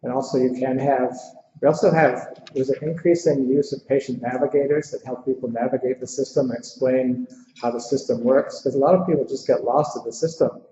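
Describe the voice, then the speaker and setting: An American man fields audience questions in an informal lecture, thoughtful and conversational but somewhat hesitant. His mellow, medium-pitched voice is brisk with fairly even intonation. The indoor lecture hall sounds muffled and echoey, with background noise.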